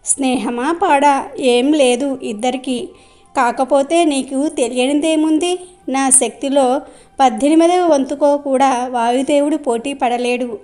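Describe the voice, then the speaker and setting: A woman's voice: high-pitched, a little mellow. A woman voicing a proud, boastful giant tree in a devotional storybook tale, haughty in manner.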